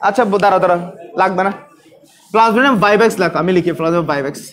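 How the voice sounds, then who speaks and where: A man's voice: sits high, racing, fairly bright tone. A male biology teacher lecturing a class, drilling students with repeated questions and scolding those who talk.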